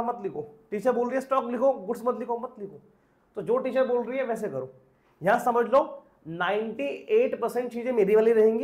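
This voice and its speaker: Quick, high-voiced man teaching a class. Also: a little mellow, roomy sound. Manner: repeats questions and answers them himself. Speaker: accounts teacher. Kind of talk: classroom lecture.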